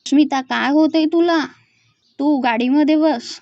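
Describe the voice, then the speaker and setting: A woman's voice: high-pitched, measured pace, a little mellow, no echo, lo-fi sound. A woman voicing a worried older mother who urges her son to hurry home.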